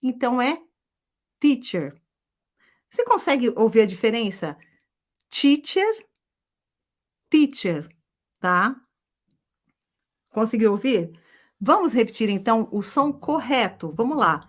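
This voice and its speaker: Lively middle-aged woman teaching. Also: a little high, moderate pace. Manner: lively, chatty, often adds "tá?". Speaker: English teacher. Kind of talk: live online English lesson.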